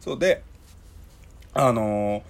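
A young man with a hoarse, dry throat and a Kansai accent, telling a story in a chatty solo podcast full of fillers. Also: mid-range voice, lively intonation, slow. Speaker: podcast host. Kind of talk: casual solo talk.

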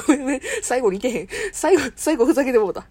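Playful Kansai woman, lively voice. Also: high voice, quick pace, slightly rough. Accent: Kansai Japanese. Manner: playful, self-mocking, chatty. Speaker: solo podcast host. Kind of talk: casual solo talk with impressions.

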